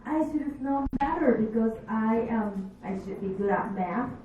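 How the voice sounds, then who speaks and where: A woman in her fifties, not a native English speaker, doing a stand-up comedy set with slow, deadpan, self-mocking delivery. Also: a little high, slight background noise. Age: 50s. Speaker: stand-up comic. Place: comedy bar stage. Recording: echoey bar room, distant dull mic.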